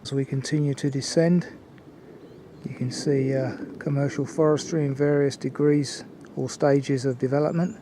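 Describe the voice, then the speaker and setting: Older male hiking vlogger, mellow and chatty, talking casually and unhurriedly over faint outdoor noise. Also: mid-range voice, fairly even intonation, normal speed. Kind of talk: casual walking commentary to camera. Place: outdoors on woodland and mountain trail.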